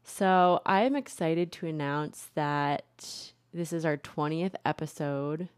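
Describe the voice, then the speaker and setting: A young woman from Connecticut, a therapist who hosts her own podcast, talks casually and with some self-deprecation, full of fillers and restarts. Her voice is deep and slow with a clean tone, recorded in clean studio sound with no room noise.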